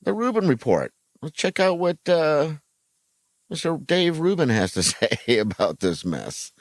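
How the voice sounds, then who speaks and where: A man's voice: on the high side, big pitch swings, unhurried, no echo, studio quality. A man hosting a political reaction video, introducing clips with exclaiming, emphatic delivery.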